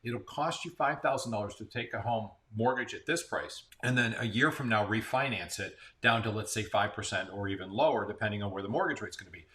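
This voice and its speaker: A man's voice: lowish voice, fairly quick, few pauses, bright, forceful tone. An American man co-hosting a casual real estate market chat, explaining figures with frequent restarts. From Central Florida. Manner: conversational, explains numbers with restarts. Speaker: real estate agent, co-host.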